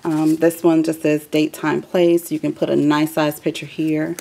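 A woman's voice: low-pitched, level tone, normal speed, gravelly, warm tone, a little hiss or hum. A woman hosting a craft video, chatting loosely with many ums as she shows her work at a table. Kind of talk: casual craft walkthrough.

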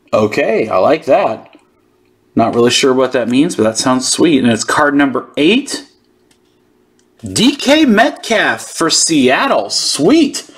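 A man's voice: a little high, breathy edge. A man hosting a sports card channel, giving casual, informal unboxing commentary as he thinks aloud.

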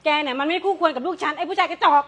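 A woman's voice: rapid-fire, a bit bright. A woman playing an overprotective mother and shop owner who scolds anyone who makes her daughter work. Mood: scolding. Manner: shrill scolding, then cooing. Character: doting middle-aged mother, shop owner, fiercely protective. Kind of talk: comedy skit acting.

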